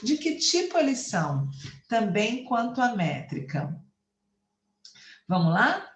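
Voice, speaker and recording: A woman's voice: a little high, very animated, a little slow, reverberant. A Brazilian woman teacher with a Brazilian Portuguese accent, explaining a lesson patiently and counting syllables aloud. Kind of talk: online class lecture.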